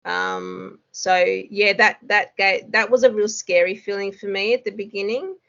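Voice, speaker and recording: A woman's voice: medium pitch, expressive, unhurried, fairly bright tone, highs cut off. A woman, a hypnosis student, chatting casually in an interview with lots of fillers and frequent laughs.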